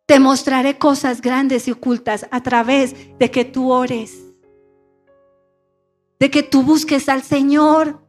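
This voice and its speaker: A woman's voice: high voice, little pitch movement, slow pace, soft background music. A middle-aged woman pastor preaching a sermon and calling on her congregation to repeat phrases after her. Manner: call-and-response preaching, asking the congregation to repeat. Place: church sanctuary.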